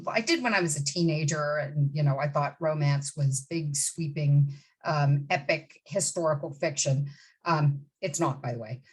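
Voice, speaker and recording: A fairly low-voiced woman in her fifties, originally from the Bahamas, speaking as a literary agent in an interview. She talks bluntly and with emphasis, and often breaks off to restart a sentence. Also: low-quality recording. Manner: direct and emphatic, with many asides and restarts. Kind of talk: interview answers.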